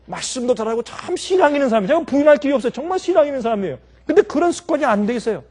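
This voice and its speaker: Fast, high-voiced pastor preaching. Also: male voice. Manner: conversational preaching with rhetorical questions to the congregation; lively, acts out everyday scenes and quotes. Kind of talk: sermon.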